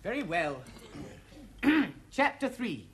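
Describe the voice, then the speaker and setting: A man's voice: high-pitched, sing-song, slow, slightly rough, full character voice. An actor playing a prim, churchy young airman who gets flustered reading racy pages aloud in a sitcom. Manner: prim, easily embarrassed. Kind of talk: 1970s sitcom acting. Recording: noisy TV recording with audience laughter.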